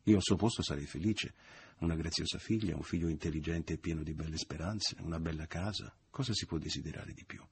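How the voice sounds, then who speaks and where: A man's voice: rumbling low, a little fast, a little hiss or hum. A man reading aloud, voicing a jovial, falsely good-natured man who teases his hosts at dinner. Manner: loud and mocking.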